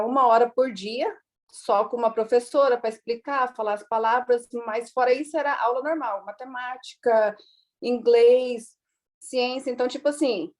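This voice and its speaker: A Brazilian woman with a Brazilian Portuguese accent, chatting casually as an interview guest, lively and trailing off into restarts. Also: on the high side.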